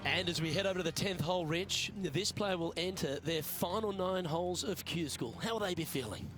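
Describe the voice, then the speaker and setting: A man's voice: high-pitched, a little fast, lightly acted. A man playing a composed, upbeat TV-style lead golf commentator for a video game. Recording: crowd and music behind.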